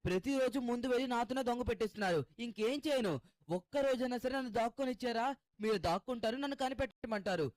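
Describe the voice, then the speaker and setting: A man's voice: very high-pitched, darkish tone, no room sound. A man doing a grumbling defensive young guy. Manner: grumbling, defensive, drawn-out calls.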